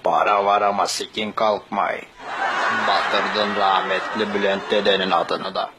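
A man's voice: fairly low pitch, level tone, a little slow, very noisy, lightly acted. A man voicing a bitter, foul-mouthed village father with a Thracian Turkish accent, curt and contemptuous in a cartoon-style comic dub. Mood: scornful.

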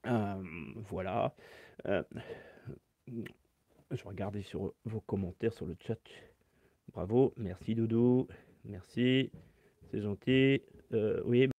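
A man's voice: medium pitch, measured pace, long pauses, darkish tone, dry recording. A man teaching saxophone in a live-stream Q&A, explaining step by step and answering chat comments aloud through his phone.

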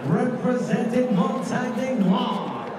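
A male ring announcer calls out fighters in a high, showy, formal voice, stretching names dramatically. His handheld mic carries through a big arena PA with heavy echo, over music. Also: animated, takes it slowly, far from the mic. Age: middle-aged. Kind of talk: boxing ring announcer delivery. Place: large indoor arena, inside the cage. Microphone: handheld microphone. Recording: booming echoey arena PA, crowd and music.

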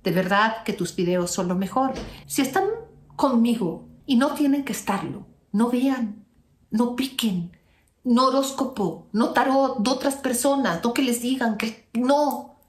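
A woman's voice: fairly high pitch, a little slow, roomy sound. A woman self-help coach reading out a viewer's letter and commenting on it with emphatic, sassy asides.

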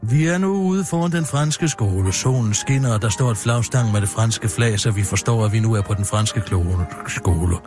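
A man on a radio comedy show reading a parody screenplay aloud in a deadpan voice. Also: on the low side, hardly any pauses, music in the background.

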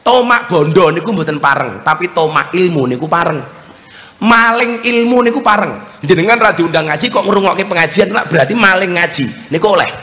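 A man's voice: high voice, lively intonation, moderate pace, pushed and bright. A man with a Javanese accent preaching a comedic sermon, joking and teasing the audience. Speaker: Islamic preacher. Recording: long hall reverb, faint noise.

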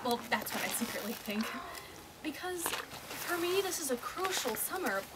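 A woman's voice: extremely high pitch, animated, a little slow. A woman playing an eager teenage girl. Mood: confiding. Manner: confiding, breathless, and calls out loudly to children. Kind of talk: stage play with monologue to the audience. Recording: loud background noise.

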